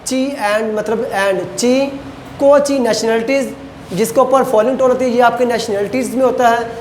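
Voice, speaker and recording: A male lecturer teaches Chinese words, slowly repeating each pronunciation several times. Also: extremely high pitch, fairly even intonation, a little mellow. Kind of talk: recorded university lecture. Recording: roomy echo, faint background noise.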